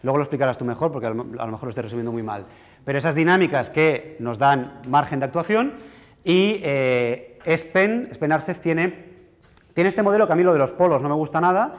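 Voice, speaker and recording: A man's voice: a little high, brisk. A man giving a university lecture in a conversational, self-deprecating way, often checking in with the audience. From Spain. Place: lecture hall. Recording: reverberant lecture hall.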